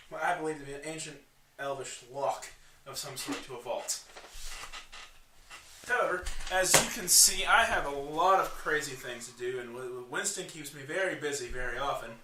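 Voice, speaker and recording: A man's voice: a little high, moderate pace, distant mic, background noise, lightly acted. A man doing a scatterbrained gnome boss. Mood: eager. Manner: excitable, rambling, barks at his pet. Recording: echoey room, off-mic.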